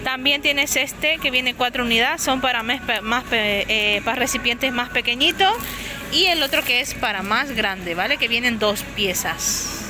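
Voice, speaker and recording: Speaking at a normal speed in a fairly high voice, a shopping vlogger records herself on her phone in a big discount supermarket. She chats informally about prices and sizes, correcting herself now and then, and background music runs under her narration.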